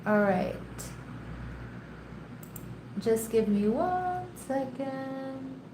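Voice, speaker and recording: Hosting a live tarot stream from her home somewhere rainy and tropical, a woman with a somewhat high, congested, slightly nasal voice talks expressively and unhurriedly with viewers, laughing lightly. The room echoes, with a faint hiss underneath.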